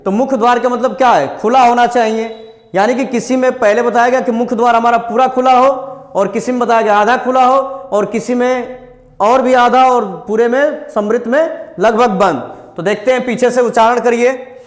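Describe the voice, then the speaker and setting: A man's voice: very high-pitched, fairly even intonation, normal speed, in a large hall. A male teacher giving a classroom lesson, asking questions and answering them himself and drilling sounds aloud for students to repeat. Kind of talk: classroom lesson on vowel pronunciation.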